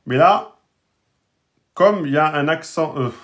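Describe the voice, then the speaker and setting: Male teacher, fairly high voice, slow patient syllable drills. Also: lively intonation, fairly bright tone. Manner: sounds out words very slowly, raising his pitch; speaks straight to his students. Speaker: Arabic and Quran reading teacher. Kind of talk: recorded lesson.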